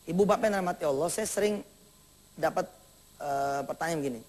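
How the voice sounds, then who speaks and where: A man with a Jakarta accent preaches to a live audience in a high, bright voice. He is animated and playful and acts out small exchanges between family members as he talks. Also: fairly quick. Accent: Jakarta Indonesian. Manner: animated, acts out little dialogues, jokes with the congregation. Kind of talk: sermon.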